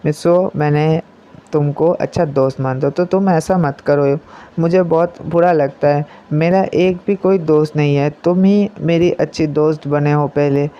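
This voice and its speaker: A man's voice: a little high, steady tone, normal speed, mellow, clean tone, muffled recording, lightly acted. A man voicing a young female celebrity who insistently scolds her friend. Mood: hurt.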